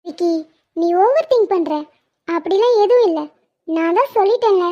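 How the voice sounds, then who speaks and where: A woman voicing a gentle young woman in a cartoon drama, talking in a soft, restrained way. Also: very high-pitched, normal speed. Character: gentle young woman hiding her love. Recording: dull lo-fi.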